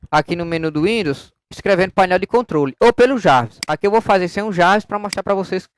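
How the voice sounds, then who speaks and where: A man talks casually through a software tutorial, explaining each step and testing his microphone with short repeated words. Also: sits high. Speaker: software developer demoing his program. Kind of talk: casual screen-recorded tutorial. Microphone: studio microphone through an audio interface.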